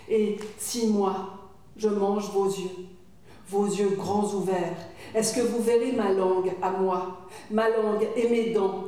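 Slow woman reciting in an echoey room. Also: mid-range voice, warm tone, recorded from a distance. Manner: measured, incantatory questioning. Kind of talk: spoken-word poetry recitation.

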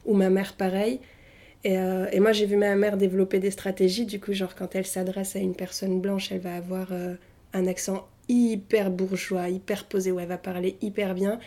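A young woman from Tunisia, whose first language is Arabic, speaks in a loose, hesitant way, full of slang and filler words. Her voice stays fairly level in pitch, with a mellow, darker timbre. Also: little pitch movement, moderate pace. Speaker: interviewee. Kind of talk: casual personal testimony.

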